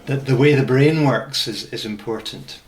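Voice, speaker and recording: Man, interviewer, mid pitch, hesitant with repeated words, echoey room, video call. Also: normal speed. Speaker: interviewer, mediation teacher. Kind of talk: interview questions.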